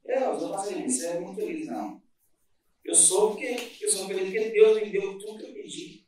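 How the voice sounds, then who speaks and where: A man's voice: high-pitched, brisk, mellow. A man with a Brazilian Portuguese accent, a business owner telling his story in a casual interview, earnest and rambling with many restarts. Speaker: guest, restaurant and bakery owner. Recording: echoey room, mic at a distance.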